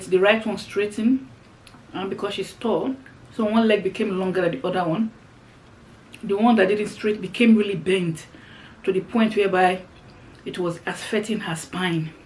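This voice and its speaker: A middle-aged woman talks casually to her viewers as she has a meal on camera. Her voice sits at an ordinary pitch, and she explains things conversationally, circling back over phrases. There is noticeable noise behind her. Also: darkish tone, poor audio. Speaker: mukbang vlogger. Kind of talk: casual chat to viewers while eating. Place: indoors, seated on the floor.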